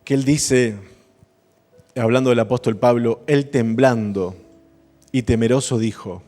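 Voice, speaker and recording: A man's voice: mid-range voice, a little slow, warm tone. A man preaching a sermon at an evangelical church service, emphatic and building to impassioned exhortation. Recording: long church reverb, faint instrument music.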